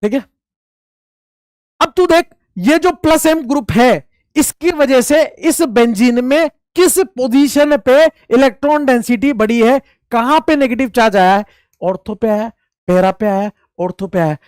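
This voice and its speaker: An extremely high-pitched man with a darkish, clear, resonant tone teaches chemistry at a measured pace in a loose, joking lecture. Chatty and teasing, he addresses students as friends, repeats key points, and answers his own questions. The sound is studio quality with no room sound.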